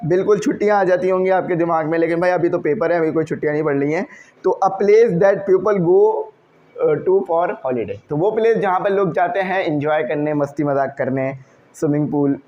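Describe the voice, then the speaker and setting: A man teaching an English vocabulary lesson, who explains each word slowly, checks in with "okay" and puts questions to the class. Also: fairly high pitch, darkish tone, dull audio.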